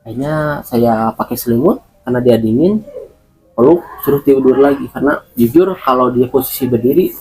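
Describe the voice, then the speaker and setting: Guy telling what happened to him, stops and repeats himself a lot, mellow warm voice, soft music in the back. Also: medium pitch, brisk, breathy edge, poor audio. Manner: hesitant, restarts and repeats words with many fillers. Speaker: interview guest. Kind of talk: recounting a personal experience.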